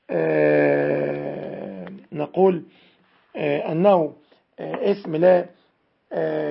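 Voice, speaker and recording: A man's voice: high-pitched, vocal fry, slightly rough. A man with an Egyptian accent teaching an Arabic grammar lesson, methodically parsing example sentences one word at a time. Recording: dull lo-fi recording.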